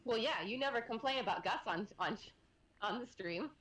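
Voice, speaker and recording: A woman's voice: on the high side, animated, moderate pace, a bit bright. A woman chatting casually with a friend during a gaming stream, teasing and laughing easily. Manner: giggly, teasing. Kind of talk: casual chat while gaming.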